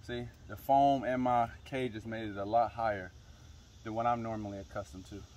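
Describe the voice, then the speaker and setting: Outside in a suburban driveway, a young fishing channel host casually demonstrates something hands-on, relaxed and instructive as he addresses viewers directly. He speaks at normal speed with a voice on the low side. The lo-fi sound comes from a camera mic moving nearer and farther, with slight background noise.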